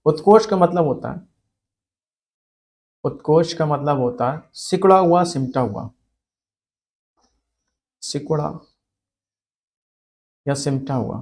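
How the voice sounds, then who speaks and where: A man teaching a spelling lesson, asking questions and answering them himself, repeating key words slowly. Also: fairly high pitch, animated, a little mellow. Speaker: Hindi grammar teacher.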